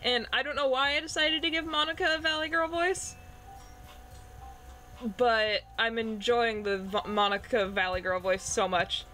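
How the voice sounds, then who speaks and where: A woman's voice: a little high, fairly even intonation, moderate pace, sharp tone, faint music behind, poor audio. Chatty woman streaming a game. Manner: chatty, swears, rambling. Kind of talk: casual game commentary.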